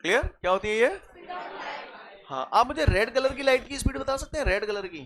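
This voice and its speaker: Lively high-voiced man teaching physics. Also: brisk. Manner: lively, quizzes students with rhetorical questions. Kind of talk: classroom lecture.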